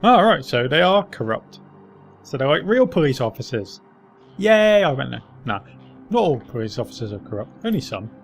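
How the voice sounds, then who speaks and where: A man's voice: mid-range voice, very animated, fairly quick, soft background music. A man hosting a let's play, commenting casually and reading the game's text aloud.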